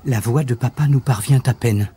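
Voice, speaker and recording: A man reading a children's story aloud as narrator, in an expressive, animated way. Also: medium pitch, moderate pace, slightly rough.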